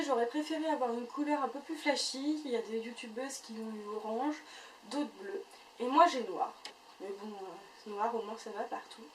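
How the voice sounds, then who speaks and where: A woman's voice: a little high, roomy sound. Chatty woman a bit off-mic. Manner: chatty, full of fillers and restarts. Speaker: beauty vlogger. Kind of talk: casual unboxing review. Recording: voice a bit far from the mic, faint noise.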